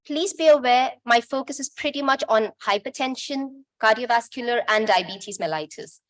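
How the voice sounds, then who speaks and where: A woman from Bangladesh gives a conference presentation in a relaxed, talkative way. She corrects herself as she goes and jokes with the audience, in a voice set a little high. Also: moderate pace. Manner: informal, chatty, self-correcting.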